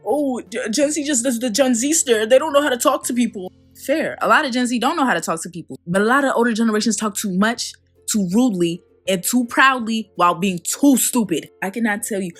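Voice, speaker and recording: A young woman hosting a commentary and telling a workplace story in a blunt, exasperated way. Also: a little high. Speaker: commentary host.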